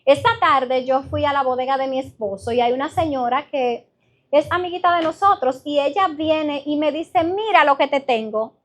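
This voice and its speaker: A woman pastor preaching a sermon in an earnest, direct way, with lively storytelling. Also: sits high, moderate pace.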